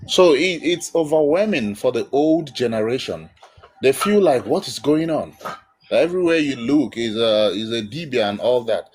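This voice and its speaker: A man's voice: medium pitch, expressive, normal speed, a little mellow, slight background noise. A man giving emphatic, blunt spiritual counsel as host of a live call-in.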